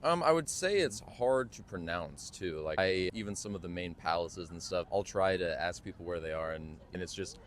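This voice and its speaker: A man's voice: low voice, lively intonation, moderate pace, hardly any pauses, slight background noise. A man, answering street interview questions outdoors in an effusive, enthusiastic way. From United States. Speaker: tourist interviewee.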